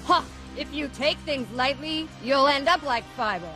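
A woman's voice: high-pitched, moderate pace, pushed and bright. A woman voicing a scornful, domineering villain in an anime dub, with a sneering manner. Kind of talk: English anime dub acting. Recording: music under the dialogue.

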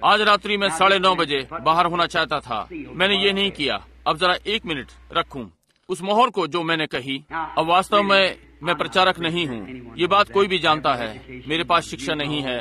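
Earnest high-voiced male preacher. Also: lively intonation, moderate pace, pushed and bright. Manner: earnest, repetitive preaching with asides to the congregation. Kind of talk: Hindi sermon and prayer.

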